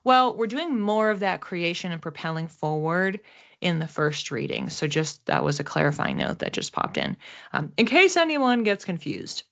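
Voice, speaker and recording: Very animated, this woman speaks at normal speed with a low-ish, creaky, somewhat bright voice as she gives a psychic card reading to camera. Her explanations are casual and reflective, with emphasis on key words, and the recording is muffled.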